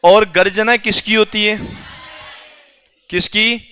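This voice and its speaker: A man's voice: sits high, steady tone, slow, sharp tone, clear, resonant tone. A male teacher quizzing his students in a classroom, teasing and joking with them as he goes, with a Rajasthani Hindi accent.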